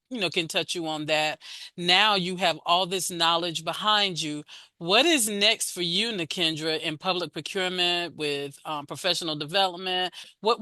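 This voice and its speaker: A man's voice: high voice, sharp tone, clean tone, no room sound. A man interviewing a colleague in an encouraging, mentor-like way. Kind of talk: conversational interview.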